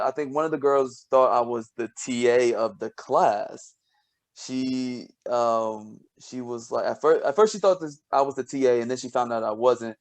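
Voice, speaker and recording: A man co-hosting a casual podcast, telling stories with lots of laughter and restarts, and dropping low and quiet when he quotes himself. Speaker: podcast co-host, scientist. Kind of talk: casual storytelling chat.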